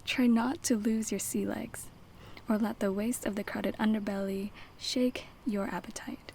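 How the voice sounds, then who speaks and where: A twenty-year-old woman from the United States performing spoken word poetry with a rhythmic, dramatic delivery and repeated refrains, often breathy and half-whispered. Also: medium pitch, a little mellow, slight background noise, poor audio. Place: banquet event.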